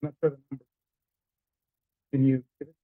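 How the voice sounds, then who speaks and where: A man's voice: mid-range voice, completely flat delivery, normal speed, no echo. A man speaking as an agent from a remote call, his voice cutting in and out as he strains to speak up. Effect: voice cutting in and out over a bad connection. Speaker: agent for an applicant. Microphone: joining remotely over a video call. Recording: tinny dry call line breaking up.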